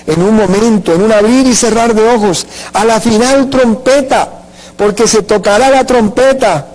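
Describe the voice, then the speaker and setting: A man's voice: high voice, darkish tone, low-quality recording. A man preaching a Pentecostal sermon, emphatic and calling on the congregation to repeat after him and answer his questions. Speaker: pastor.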